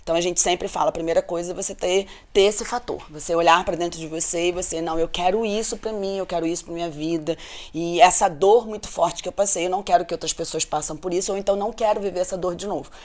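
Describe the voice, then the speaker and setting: A middle-aged woman physician talks through her story as a podcast guest. Her voice sits on the low side, and she speaks quickly and with plenty of energy. She keeps dropping a questioning "né?" at the ends of her sentences. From Brazil, Rio de Janeiro state. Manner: animated storyteller, frequent "né?" tag questions. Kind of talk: casual interview chat.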